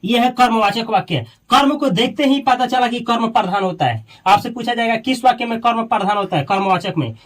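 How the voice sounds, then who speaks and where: High-voiced man teaching grammar. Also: animated, fairly bright tone. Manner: repeats example sentences slowly, asks and answers his own questions; coaxing, reassuring students directly. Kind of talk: coaching-class lesson.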